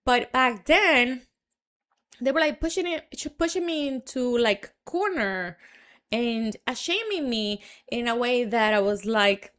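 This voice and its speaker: Taking it slowly, this young woman speaks in a fairly high, expressive and fairly bright voice with a Dominican Spanish accent. A marketing entrepreneur from the Dominican Republic, she tells her story in a frank, chatty way, full of fillers and restarts.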